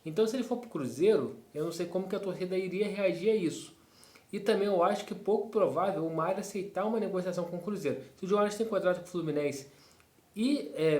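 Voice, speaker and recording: A man's voice: fairly high pitch, darkish tone. Fan-channel host man in an echoey room. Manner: rambling, frequent fillers and tag questions. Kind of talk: casual news commentary. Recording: roomy echo.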